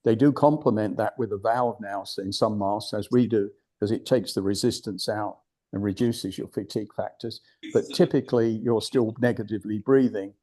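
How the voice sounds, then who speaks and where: Delivering an informal talk as a club's guest speaker, an older British man comes across as blunt and prone to digression, often starting his sentences over. His voice is lowish with a dark tone.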